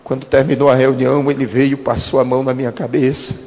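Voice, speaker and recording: A man's voice: mid-range voice, flat delivery, fast, darkish tone, long reverb tail. A man, a pastor telling a personal testimony earnestly and calling his listeners beloved.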